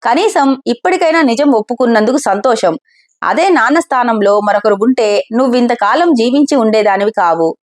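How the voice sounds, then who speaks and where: A woman's voice: on the high side, expressive, normal speed, lightly acted. Woman voicing an angry adult daughter; heated, accusing delivery, storybook. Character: angry grown daughter, fiercely loyal to her father.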